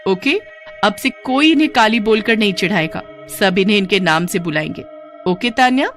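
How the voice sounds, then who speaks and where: A woman's voice: medium pitch, expressive, moderate pace, faint music behind, close to an everyday voice. A woman voicing a firm but fair female schoolteacher who speaks in a stern, instructive way. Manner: stern, scolding then instructive.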